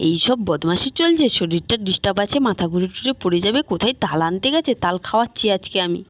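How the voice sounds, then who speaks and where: A woman's voice: mid-range voice, animated, quick pace, no room sound, natural voice. A woman voicing a cross middle-aged wife in a doll story, scolding and grumbling.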